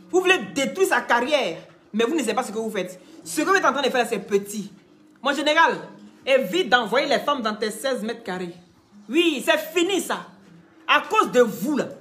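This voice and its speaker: A woman's voice: high-pitched, fairly bright tone. A woman giving scolding, mocking gossip commentary, speaking straight to the people she criticizes. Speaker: online commentator.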